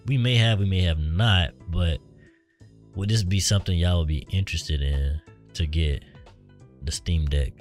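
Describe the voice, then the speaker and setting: A man hosting a casual gaming chat, slangy and animated, with the hiccups. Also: low voice, unhurried, soft background music. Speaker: podcast host.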